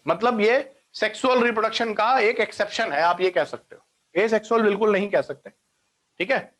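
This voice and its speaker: A man with a fairly high voice teaches biology in an online class. He explains step by step, drops in English science terms and keeps asking students if they are following. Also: normal speed, a bit bright.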